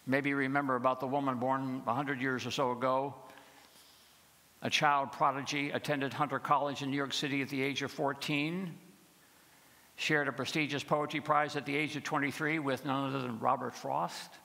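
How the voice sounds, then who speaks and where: Bright, gravelly male preacher in church. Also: little pitch movement, moderate pace. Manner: rhythmic, building repetition, dropping low for dark passages. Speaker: pastor. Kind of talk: sermon. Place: large church sanctuary with choir behind. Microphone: pulpit microphone. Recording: long reverb of a large church.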